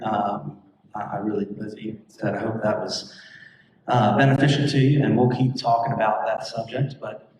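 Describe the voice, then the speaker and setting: A man's voice: mid-range voice, background noise. Guy hosting a church huddle, casual and rambling, mic far away, echoey. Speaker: group ministry leader hosting. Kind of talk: casual church meeting talk. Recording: echoey room from a distant mic.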